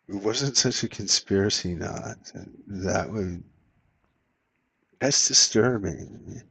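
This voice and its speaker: A man's voice: fairly low pitch, slightly rough. A middle-aged man telling a rambling personal story, profane and meandering with many fillers. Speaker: vlogger.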